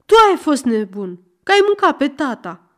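Woman putting on a wailing old merchant man. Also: expressive. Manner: wailing, shrill, loud.

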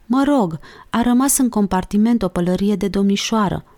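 A woman reading an audiobook, voicing a courteous old gentleman in a raised voice. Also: medium pitch, natural voice. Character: polite old gentleman on a train.

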